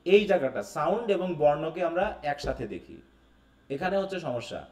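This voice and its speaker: A man's voice: fairly high pitch, expressive, fairly quick, darkish tone, distant mic. Man teaching a live class, echoey room. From Bangladesh. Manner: keeps checking with students, mixes English terms. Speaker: English teacher. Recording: echoey room, away from the mic.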